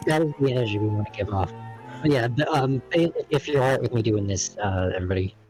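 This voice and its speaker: A man playing in a tabletop game, relaxed, turning theatrical for in-character lines. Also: medium pitch, fast, soft background music, poor audio. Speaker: player. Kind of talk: casual tabletop play.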